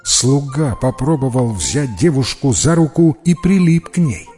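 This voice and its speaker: Guy reading a fairy tale aloud, lively up and down voice, faint music behind. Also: mid-range voice, measured pace. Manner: expressive, storytelling. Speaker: reader. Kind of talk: storybook narration.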